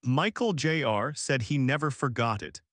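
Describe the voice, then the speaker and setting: A man reading a scripted documentary narration in a measured, dramatic storytelling manner. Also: mid-range voice, expressive, fairly bright tone, no echo, clean studio sound.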